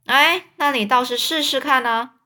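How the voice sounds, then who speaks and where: A woman's voice: sits high, moderate pace, bright, forceful tone, pitched above the performer's own voice. A woman voicing a well-dressed stranger boy who answers back with sneering dares in a spoken storybook retelling. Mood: scornful. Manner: sneering, dismissive retorts. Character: smartly dressed stranger boy, cocky and defiant.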